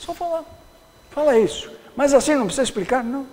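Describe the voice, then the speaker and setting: A man's voice: very high-pitched, lively intonation, fast talker, a little mellow, big-room sound. An older man, a pastor, giving a folksy sermon lecture that rambles and searches for words.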